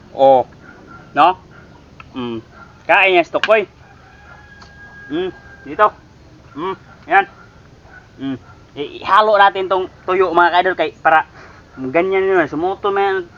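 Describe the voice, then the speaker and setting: A man hosting a casual cooking vlog, chatting to his viewers and calling them idols every few words. He is from the Philippines. His voice sits a bit high and sounds bright and forward. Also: dull audio, a little hiss or hum. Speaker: cooking vlogger.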